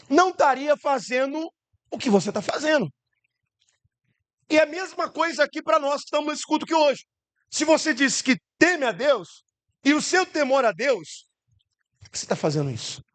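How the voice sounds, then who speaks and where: Male Brazilian preacher, high-pitched, sermon full of rhetorical questions. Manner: acts out quoted voices.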